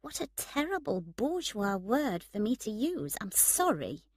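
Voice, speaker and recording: A woman's voice: a little high, big pitch swings, measured pace, no echo, clean studio sound, pitched above the performer's own voice. Woman reading as a wry, self-mocking young woman.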